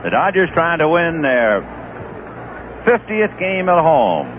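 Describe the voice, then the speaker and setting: Slow and relaxed, this man handles live play-by-play for a baseball radio broadcast, telling anecdotes while waiting on pitches. It comes through as a tinny lo-fi 1970s radio recording with a faint hiss.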